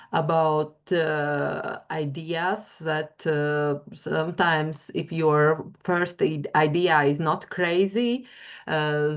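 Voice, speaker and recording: A university lecturer with a Latvian accent gives a webinar presentation with a screen-share demo, hesitating and using many fillers as she searches for words. Her voice sits low and gravelly, and the highs are cut off.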